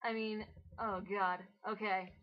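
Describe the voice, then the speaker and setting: Here the woman's voice is medium-pitched, level, and unhurried as she hosts a dramatic reading commentary. Her tone is jokey, exasperated, and mocking, with plenty of swearing, all on a dull lo-fi home recording.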